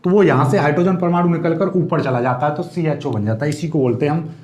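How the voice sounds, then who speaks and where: A man's voice: fairly high pitch, fast, a little mellow, reverberant. A man teaching chemistry, explaining each step and asking questions to his students. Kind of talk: board exam lecture.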